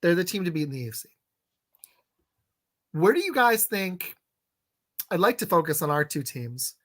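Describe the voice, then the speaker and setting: A man's voice: sits high, big pitch swings, moderate pace, fairly bright tone. A man in his thirties hosting a casual sports podcast, rambling with lots of fillers and restarts. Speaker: podcast host.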